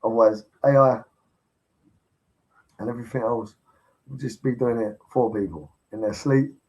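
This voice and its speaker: A man's voice: medium pitch, steady tone, moderate pace, a little mellow, slightly rough, low-quality recording. A man ranting on a casual livestream, blunt and insistent, swearing heavily as he pushes his point. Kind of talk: casual live-stream rant.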